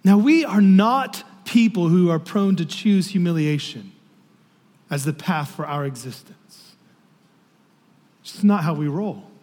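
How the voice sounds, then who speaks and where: Slow-preaching high-voiced man in a hall. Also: lively intonation. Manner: slow, emphatic preaching, dropping to a hush on key phrases. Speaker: pastor. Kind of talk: sermon. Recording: reverberant hall.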